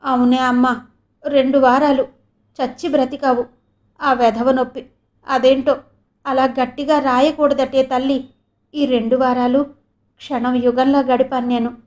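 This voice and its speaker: A woman's voice: sits high, flat delivery, unhurried, long pauses, a little mellow. A woman reading an audio novel voices a loving old grandmother who fusses over her granddaughter tenderly. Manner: tender, fussing, affectionate.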